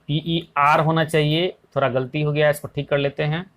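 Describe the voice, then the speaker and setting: धीमे बोलने वाला अंग्रेज़ी शिक्षक पुरुष. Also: male voice, a little high, little pitch movement, fairly bright tone. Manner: reads English phrases slowly, explains in Hindi. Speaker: English teacher. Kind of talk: exam-prep lesson explanation.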